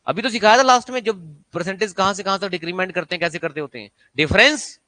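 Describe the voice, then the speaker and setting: A man's voice: high voice, fast talker, bright, forceful tone. A man teaching an exam-prep maths lesson, constantly quizzing students with rhetorical questions.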